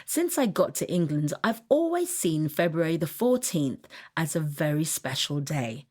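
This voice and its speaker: A woman narrating a first-person memoir audiobook, expressive, lifting her pitch at tense moments and laughing softly now and then. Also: normal speed, slightly rough.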